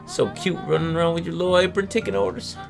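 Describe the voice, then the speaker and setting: A woman's voice: lowish voice, steady tone, quick pace, gravelly, over music, voice pushed up. Woman playing a doting, guilt-tripping older diner lady. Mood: doting, fussing. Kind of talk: video game dialogue read aloud in character.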